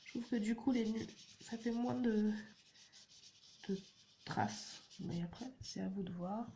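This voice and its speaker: A woman's voice: mid-range voice, a little slow, warm tone. A woman, chatting through a card-making tutorial and explaining each step as she works. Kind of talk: casual crafting tutorial. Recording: audible background noise.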